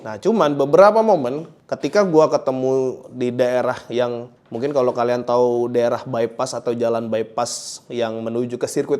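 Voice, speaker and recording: A motorcycle gear reviewer and host with a Jakarta Indonesian accent gives a casual product review, talking colloquially and directly to viewers and often repeating his phrases. His mid-range voice is smooth with a darkish tone.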